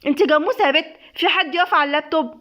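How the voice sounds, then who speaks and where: A woman's voice: high-pitched, racing, sharp tone, voice pushed up. Woman reading a hot-tempered Egyptian young husband. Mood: scolding. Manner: blunt, sarcastic scolding.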